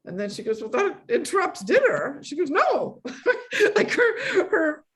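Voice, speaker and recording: A middle-aged woman, born in Poland and raised in a Polish immigrant family, hosts an online meetup and chats casually while thanking a guest. Her high-pitched voice swings hugely in pitch, and she's effusive and emphatic, repeating herself for emphasis and laughing readily.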